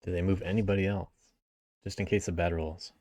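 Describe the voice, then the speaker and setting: A man with a deep voice talks fast while calling a board game match, laying out the state of play in a brisk, matter-of-fact way. The sound is dry and close. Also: flat delivery, a little mellow, dry recording. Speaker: game commentator. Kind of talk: live match commentary.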